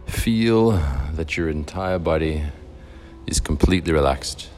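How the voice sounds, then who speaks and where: A man guiding a meditation in a soft, soothing, unhurried way, leaving long pauses between phrases. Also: rumbling low, faint music behind. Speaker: meditation guide. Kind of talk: guided meditation narration.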